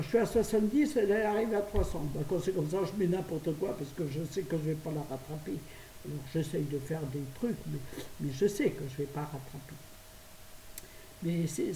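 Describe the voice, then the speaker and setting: An older woman from France chatting quickly to her phone camera at home, laughing at her own stories. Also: medium pitch, mellow. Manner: fast, chatty, laughing at herself. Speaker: vlogger. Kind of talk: casual chat to camera. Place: her apartment, indoors. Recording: roomy, distant phone audio with faint hiss.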